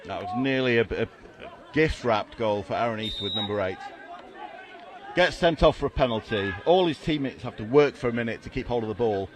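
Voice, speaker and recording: A man's voice: mid-range voice, animated, fairly quick, crowd noise. An English man giving live color commentary on a match, chatty with dry, self-mocking humor. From England.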